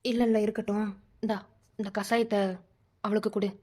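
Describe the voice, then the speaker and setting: A woman's voice: medium pitch, level tone, brisk, mellow, husky, close to an everyday voice. A woman voicing a middle-aged mother-in-law in a fan-made cartoon, blunt and earnestly advising. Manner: scolding yet advising, earnest.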